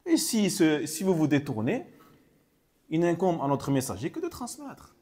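A man's voice: on the high side, very animated, moderate pace, a little mellow. A man giving a religious lesson, repeating key phrases for emphasis and mixing in short Arabic phrases. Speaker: Islamic teacher. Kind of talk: religious lesson commenting on a hadith text.

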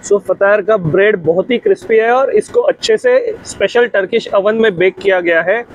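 At an open-air restaurant, a middle-aged Indian man hosts a casual food vlog on a lapel mic, speaking with a high voice at normal speed. He talks enthusiastically, mixing Hindi and English.

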